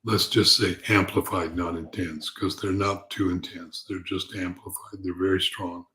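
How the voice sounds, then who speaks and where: A man giving an unscripted spiritual talk as a teacher, calm, gentle and reflective, speaking haltingly and repeating words as he goes. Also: low voice.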